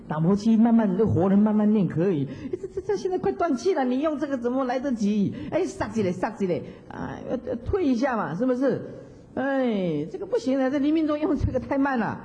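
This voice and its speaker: A man's voice: fairly high pitch, warm tone, slight background noise. A male Buddhist monastic teacher giving a dharma talk, chanting examples and chuckling often. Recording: dull lo-fi hall recording.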